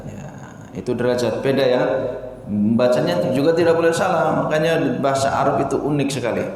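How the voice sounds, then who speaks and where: A man with an Indonesian accent teaches an Arabic lesson, pausing and repeating each word so it sinks in. His voice rings out with heavy echo and a long reverb tail, over a faint background hiss. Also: medium pitch, a little mellow. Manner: slow, repeats words to drill them. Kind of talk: religious language lesson. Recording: echoey hall with faint noise.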